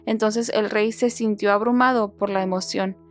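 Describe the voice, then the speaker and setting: A woman reading a Bible passage aloud for a podcast in a steady, measured storytelling voice. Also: medium pitch, soft background music. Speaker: Bible reader, podcast host.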